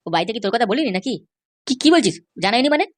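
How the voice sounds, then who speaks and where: Woman plays a prying young cartoon friend, quick and pushy. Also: on the high side, animated, no echo, clean studio sound, lightly acted. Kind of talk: cartoon voice acting.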